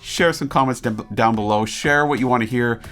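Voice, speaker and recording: A man's voice: mid-range voice, brisk, a bit bright, soft background music. A man working as a vocal coach, reacting to a performance with casual, enthusiastic teaching commentary and frequent rhetorical questions.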